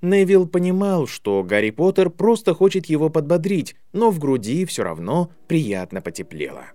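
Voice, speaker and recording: A man narrating an audiobook in a measured storytelling voice. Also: a little high, big pitch swings, dark tone, no room sound. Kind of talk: scripted narration.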